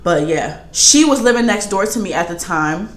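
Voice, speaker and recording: A young woman vlogger telling a casual storytime, animated and slangy, often laughing. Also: mid-range voice, moderate pace. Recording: roomy echo with faint music.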